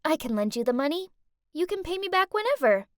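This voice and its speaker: A sweet teenage schoolgirl speaks gently and reassuringly in a high, lifting voice, as a woman puts her on. She sounds like an eager friend from an animated storybook. The recording is dry and close. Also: brisk, no room sound. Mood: kind.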